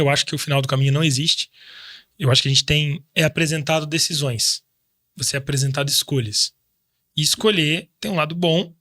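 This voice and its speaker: Recorded cleanly on a studio microphone with no room sound, a man in his thirties from Brazil talks as a guest in a relaxed interview. His voice is on the high side with a fairly bright tone, and his reflective, faith-driven answers feature frequent restarts.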